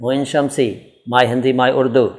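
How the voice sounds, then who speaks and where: A man from India hosts a relaxed question-and-answer lesson, explaining words to his viewers. His delivery is chatty and teacherly, with playful self-quizzing asides, and his voice sits at a middle pitch for a man. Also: measured pace. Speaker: language channel host answering viewer questions. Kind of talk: casual Q&A explainer.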